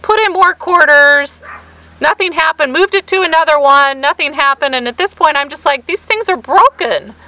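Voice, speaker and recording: High, crackly-voiced woman vlogger. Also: fairly even intonation, normal speed, pushed and bright, dry recording. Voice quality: crackly, hoarse voice. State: hoarse for weeks. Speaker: vlog co-host. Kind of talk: casual chat to camera.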